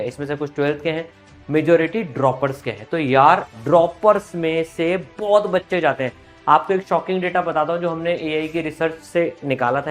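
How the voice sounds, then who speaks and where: Animated male coaching teacher rallying students. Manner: animated, rising in pitch and loudness when urging; addresses listeners familiarly as friends and brothers. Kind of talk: motivational pep talk to students.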